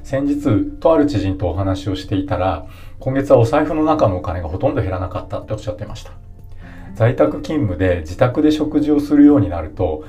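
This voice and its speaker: A man with a low, mellow voice hosts a solo podcast in a calm, polite explanatory tone. Soft guitar music plays faintly behind him. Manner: calm, polite explanatory delivery listing points. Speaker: podcast host.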